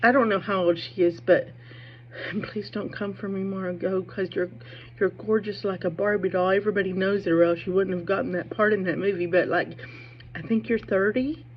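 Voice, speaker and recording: A woman with a mid-range voice and fairly even intonation runs her own video channel, where she offers casual, opinionated commentary on books. She talks emphatically and conversationally, wandering off on tangents and tossing in "right?" and "okay?", while a slight speech impediment makes her slow down on hard sh sounds. The audio is dull, with a little background noise.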